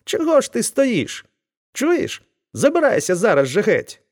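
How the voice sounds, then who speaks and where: Man playing a hot-tempered young blacksmith, shouting, raised loud voice, storybook part. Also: high-pitched, wildly swooping pitch, a little slow, pitched above the performer's own voice, heavily acted. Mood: angry. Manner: shouting, hostile. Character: angry burly young village blacksmith.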